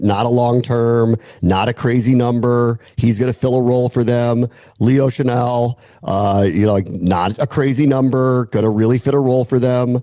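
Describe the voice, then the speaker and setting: An American sports analyst appears as a podcast guest, breaking down football in a conversational, opinionated way and often posing questions before weighing the answers aloud. His voice sits on the low side with a dark tone and no echo.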